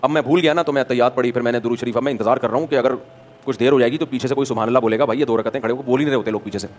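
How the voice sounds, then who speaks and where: A man from Pakistan, a mufti, giving a conversational sermon full of anecdotes, acting out dialogues and asking rhetorical questions. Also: medium pitch. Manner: animated storyteller, acts out dialogues, rhetorical questions. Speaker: mufti, religious scholar.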